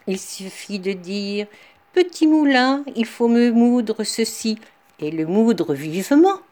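A woman's voice: on the high side, dark tone, full character voice. A woman voicing a small, kindly magical little man in a spoken fairy tale.

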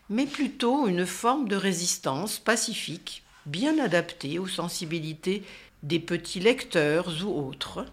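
A woman presents in a lowish voice with calm, measured scripted narration. She speaks at an even, unhurried pace.

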